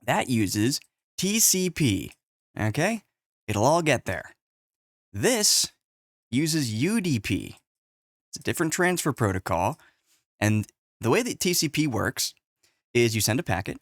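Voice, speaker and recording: Fed-up man ranting through a tech explainer, lively pitch swings, dry close webcam sound. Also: no echo. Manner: profane, exasperated, animated. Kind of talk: casual whiteboard explainer. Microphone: webcam with face overlay.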